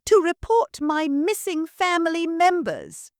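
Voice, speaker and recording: Haughty lady of the house, woman voicing, snappish, prim, high and lively, storybook reading. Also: unhurried, dry recording, clean studio sound, exaggerated voice.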